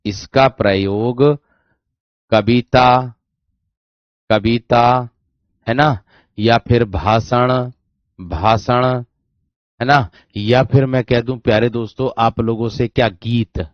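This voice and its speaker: A man teaching an online grammar class, drilling the same phrases over and over with heavy emphasis. His voice sits at an ordinary pitch and sounds close and dry, with no room around it. The recording is slightly muffled and lo-fi. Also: steady tone, slow, pauses often, no echo. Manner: repetitive, emphatic, calls students "my friend". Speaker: exam-prep teacher. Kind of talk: online Hindi grammar lesson.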